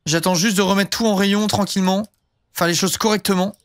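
Young male streamer, high voice, rambling casual chat, dry close sound. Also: steady tone, a little fast, dry recording. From southern France. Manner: rambling, heavy fillers, casual swearing. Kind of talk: casual live-stream chat while gaming.

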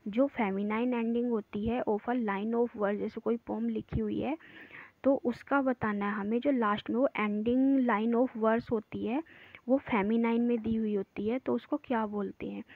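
A woman teacher works through practice exam questions, reading each question out slowly and deliberately before explaining it more quickly. The recording is dry and narrow, like a phone line. Her voice sits at an ordinary middle pitch. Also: dry recording.

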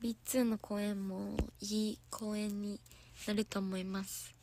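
Hoarse young Kansai woman chatting. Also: medium pitch, flat delivery, a little slow, noisy background. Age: young adult. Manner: giggly, chatty, answering viewer comments. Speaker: idol trainee. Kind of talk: casual livestream chat with viewers. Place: soundproof lesson room.

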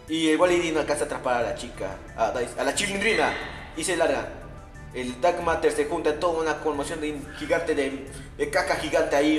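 A young man narrating a video game in a crude, slangy, mocking comic style. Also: a little high. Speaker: parody narrator. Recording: echoey room with long reverb, faint music. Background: faint music.

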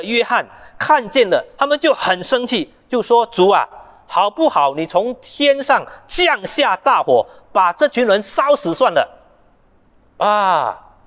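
A man preaching a sermon, lively and full of rhetorical questions, acting out the quoted speech of others. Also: sits high, long reverb tail. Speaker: pastor. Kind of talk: Mandarin sermon. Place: church sanctuary.

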